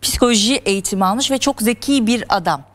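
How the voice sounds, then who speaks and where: Higher-voiced woman explaining on a talk show. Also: quick pace, a bit bright. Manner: earnest, lecturing, explains step by step. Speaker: guest psychologist. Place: television studio.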